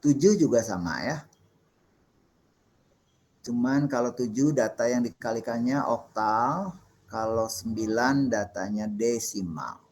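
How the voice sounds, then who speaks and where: A man's voice: mid-range voice, slow, darkish tone. A middle-aged man, a lecturer, patiently answering student questions in a class and explaining step by step with examples. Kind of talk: classroom Q&A on assembly programming.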